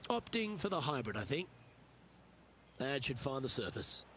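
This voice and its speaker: A man giving golf play-by-play commentary in short, measured phrases of understated approval. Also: medium pitch, sing-song, sharp tone, slight background noise.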